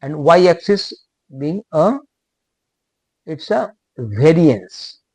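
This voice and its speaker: Male lecturer with an Indian English accent, slow and halting, slightly high voice, dry close sound. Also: sing-song, a little mellow, slightly rough, no room sound. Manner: slow, halting, repeats phrases.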